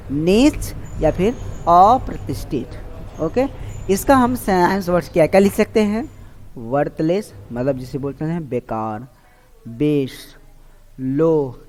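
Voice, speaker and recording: A male teacher gives an online exam-prep vocabulary lesson in a warm, mellow voice. He keeps firing questions at his students and answering them himself, repeating each answer. His voice rings with a long reverb, as if recorded in a large hall. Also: on the high side, animated, a little slow, slight background noise.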